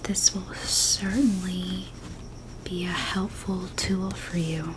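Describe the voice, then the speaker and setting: A woman doing a whispered role-play as a helpful librarian, speaking in a gentle, breathy hush. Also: on the low side, steady tone, background noise. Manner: hushed librarian manner, gentle and unhurried. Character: soft-spoken, helpful female librarian checking out books.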